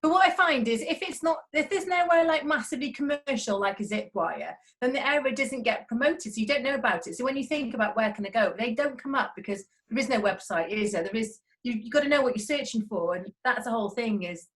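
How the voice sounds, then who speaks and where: Female entrepreneur guest from North Wales, casual chat, enthusiastic, slightly high voice. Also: expressive, fast, hardly any pauses, a bit bright. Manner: enthusiastic, leading with ideas and tag questions.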